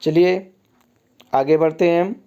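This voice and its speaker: A man's voice: a little high, measured pace, warm tone, clean tone, dull audio. A man tutoring Hindi spelling for an exam, repeating each wrong and right form in a patient, drilling way. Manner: repetitive teacher, keeps saying "ठीक है" and contrasting wrong and right forms. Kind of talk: exam-prep lesson on spelling.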